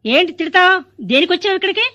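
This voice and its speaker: Sassy careless nurse, stage comedy, high, fast talking. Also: female voice, expressive, pushed and bright, highs cut off, heavily acted. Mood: cheeky. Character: careless, cheeky young female nurse.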